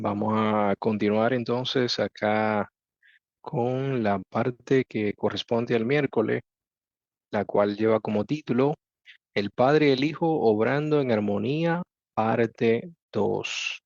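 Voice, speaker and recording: A man with a Dominican Spanish accent teaching a Bible lesson, slow and reflective with frequent pauses. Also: medium pitch, gravelly, a little mellow, no echo, muffled recording. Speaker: Bible study co-host.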